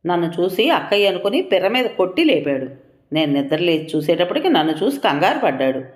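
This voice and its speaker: A woman telling a first-person audio story in a calm, reflective reading. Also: lowish voice, fast talker. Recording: echoey room.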